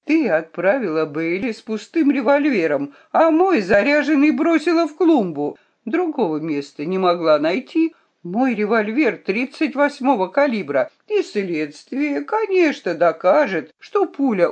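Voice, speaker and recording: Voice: mid-range voice, muffled recording, voice pushed up. A reader voicing a young man, an anxious and defensive brother, in an audiobook, with agitated, pleading questions. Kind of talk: audiobook reading.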